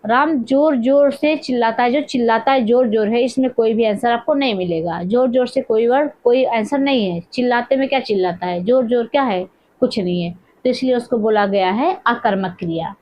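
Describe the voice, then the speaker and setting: A woman teaching a grammar lesson, repeating each point and asking questions as she dictates the examples slowly. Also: a little high, lo-fi sound.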